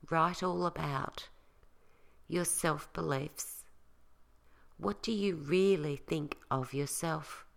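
Low-pitched and with vocal fry, a woman narrates a scripted guided self-help meditation. Her delivery is calming and instructional, with pauses left between phrases.

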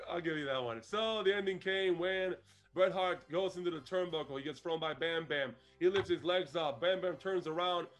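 A man with a fairly high voice, telling the story of a wrestling match in an animated, chatty way and laughing often. Faint music sits in the background. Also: moderate pace. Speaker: podcast co-host. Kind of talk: casual wrestling recap chat.

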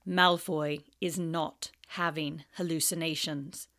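A woman reading aloud and voicing a cold, sneering male professor, speaking slowly and menacingly. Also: low voice, level tone, fairly bright tone, pitched below the performer's own voice, full character voice.

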